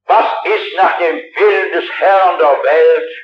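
An older man preaches to a packed hall in a high, urgent voice, pressing his listeners directly. His delivery is fervent and insistent. The recording is dull and lo-fi, with the muffled character of an old archive tape. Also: slow. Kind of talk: revival sermon. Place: large hall with a big audience.

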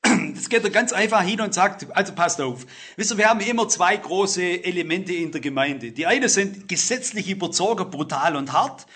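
A middle-aged man preaching a sermon, stressing words loudly and then dropping into quiet asides. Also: animated, moderate pace, husky. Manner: emphatic, swings between loud stress and low asides.

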